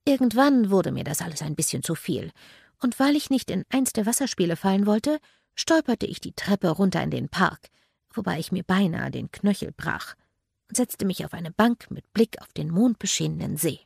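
A woman reading a first-person audiobook in a lively, expressive storytelling manner. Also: mid-range voice, normal speed, creaky, slightly rough, no room sound, clean studio sound. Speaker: audiobook narrator.

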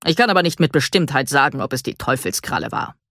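A woman's voice: very deep voice, animated, fast, fairly bright tone, dry recording, clean studio sound, exaggerated voice. A woman voicing a curt, lecturing vet. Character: stern, evasive male veterinarian, middle-aged.

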